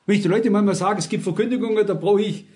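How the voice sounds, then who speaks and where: A man's voice: sits high, racing, mellow. A man in his sixties preaching a sermon, emphatic and constantly asking his listeners rhetorical questions.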